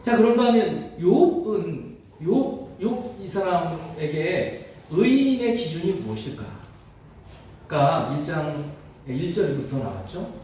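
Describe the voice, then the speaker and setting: High, lively male pastor preaching. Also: takes it slowly, a little hiss or hum. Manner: conversational preaching, rhetorical questions to the congregation. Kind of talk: sermon. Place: church sanctuary. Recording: echoey church hall from far off.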